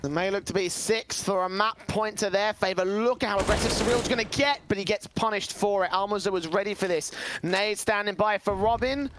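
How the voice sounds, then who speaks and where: A man calling a live esports match as play-by-play commentator, quick and building to excited shouts. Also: high voice, noisy background. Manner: rapid, rising to excited shouts at big plays. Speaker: esports caster.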